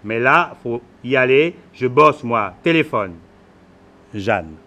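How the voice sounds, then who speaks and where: An actor playing a boastful, hurried Beninese husband with a Beninese French accent who drops English words into his French. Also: mid-range voice, animated, bright, forceful tone. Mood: irritated. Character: flashy busy Beninese husband, phone-obsessed, self-assured. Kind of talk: theatrical monologue.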